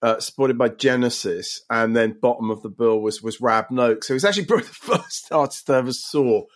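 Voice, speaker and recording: A man's voice: mid-range voice, fairly quick. A man in his sixties hosting a casual chat in a genial way and inviting his co-hosts to talk. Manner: genial, asks guests to share. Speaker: host.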